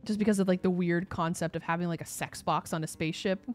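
A woman's voice: lowish voice, steady tone, fast, soft background music. A woman streaming a game as host, chatting casually with a giggly, rambling manner full of fillers. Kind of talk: casual gaming chat.

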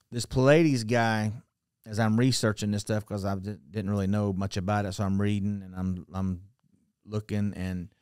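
A middle-aged man telling a story on a podcast in a book-lined study, speaking into a boom mic, animated and given to restarts, his voice dropping quietly at the ends of phrases. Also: no echo, clean studio sound. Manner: animated, gestures a lot, restarts and trails off quietly. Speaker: podcast guest. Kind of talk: storytelling conversation. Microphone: studio mic on a boom arm.

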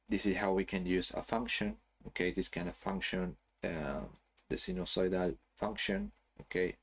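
A man in his thirties giving a screen-recorded software tutorial from a small room, explaining loosely with fillers and hummed pauses. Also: deep voice. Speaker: software trainer.

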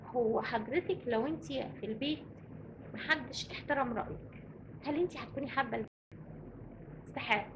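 An Egyptian woman talks parents through raising teenagers in a brisk, emphatic way. Her voice sits high and moves fast. A clear hiss of noise runs under her speech. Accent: Egyptian Arabic. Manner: brisk, emphatic, rhetorical questions. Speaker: parenting expert. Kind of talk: advice talk to parents.

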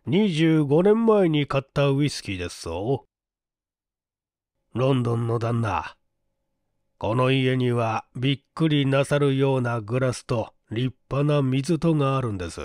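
An actor playing a shrewd, shabby 97-year-old man who talks in slow, folksy old-man speech in an audiobook drama. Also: medium pitch, darkish tone, dry recording, clean studio sound, close to an everyday voice. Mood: coaxing.

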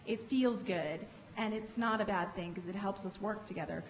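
This woman panelist, medium-pitched, gives measured, explanatory remarks with frequent restarts during a conference panel discussion. She speaks into a table-stand microphone on a large hall stage, and the recording is reverberant with faint background hiss.

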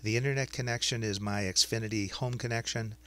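A man narrating a scripted explainer as a software demonstrator. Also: on the low side, fairly even intonation, brisk.

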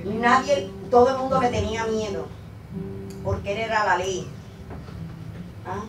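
A woman pastor, telling a story in a sermon and building to loud, fervent exhortation. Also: a little high, a little slow. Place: church sanctuary. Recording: echoey church room, mic at a distance, guitar behind.

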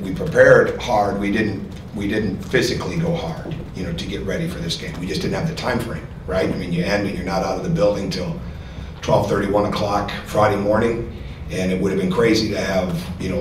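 A middle-aged man, a basketball coach, answering questions at a postgame press conference in an earnest manner, often repeating words while he thinks. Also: low voice. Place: press room with sponsor backdrop. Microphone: podium mic. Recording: echoey room, distant mic, noisy.

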